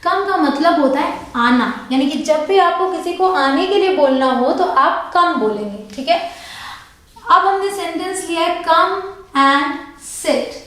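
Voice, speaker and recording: A woman teaching English vocabulary in Hindi, explaining patiently and drawing out the example sentences slowly. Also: extremely high pitch, fairly bright tone. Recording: very echoey room.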